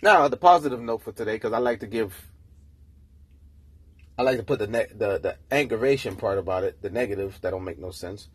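Profane, husky man ranting on a podcast. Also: lowish voice, a little fast, no room sound. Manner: profane, animated storytelling. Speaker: podcast host. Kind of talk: casual solo rant. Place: room, early morning.

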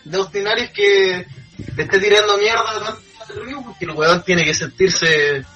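A man's voice: high voice, moderate pace, sharp tone, breathy edge, lo-fi sound, faint music behind. A man with a Chilean accent giving blunt, opinionated takes in a casual podcast, swearing freely. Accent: Chilean Spanish. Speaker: podcast co-host. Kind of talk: casual chat about wrestling.

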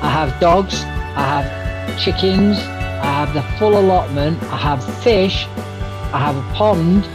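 A man's voice: a little high, slow, over music, low-quality recording. A man co-hosting a podcast, full of cheerful, self-mocking banter. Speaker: podcast co-host. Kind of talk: casual chat.

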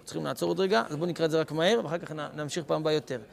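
A man's voice: on the high side, vocal fry. A man, a rabbi, teaching students in an informal class, calling on them by name and acting out everyday scenes. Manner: lively, calls on students by name, acts out scenes.

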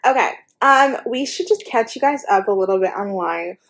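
A woman's voice: mid-range voice, expressive, normal speed, a bit bright. A teenage girl co-hosting a casual chat, sounding tired, sighing and trailing off often. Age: teens. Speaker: co-host.

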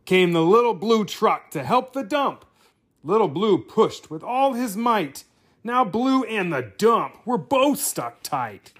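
A reader reading a children's picture book aloud with gentle, expressive storytelling. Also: medium pitch, takes it slowly.

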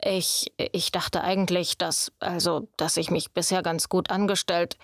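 A woman's voice: on the low side, level tone, dry recording, studio quality. A woman voicing a hesitant young apprentice boy. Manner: hesitant, halting and subdued. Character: unsure, downtrodden young male thief apprentice. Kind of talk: audiobook character voice.

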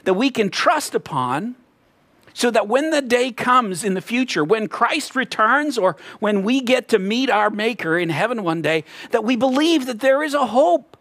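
Earnest high-voiced man telling a faith story. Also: a bit bright, no echo. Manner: earnest storytelling with rising emphatic peaks. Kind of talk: reflective devotional talk.

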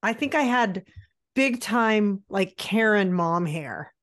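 A woman's voice: mid-range voice, lively intonation, takes it slowly, fairly bright tone. A woman in her late forties talks casually as a podcast co-host. She is candid and self-deprecating, and her talk is loose and full of fillers. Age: 40s. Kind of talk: casual chat.

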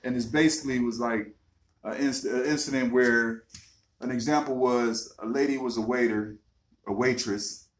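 A man co-hosting a casual chat from a home garage, explaining things in a loose, halting way. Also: medium pitch, fairly even intonation, roomy sound. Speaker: podcast co-host.

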